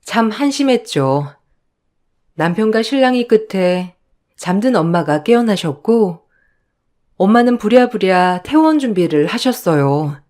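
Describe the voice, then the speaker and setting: A woman's voice: mid-range voice, lively intonation, measured pace, darkish tone. A woman narrating a first-person radio story in a rueful, confiding manner.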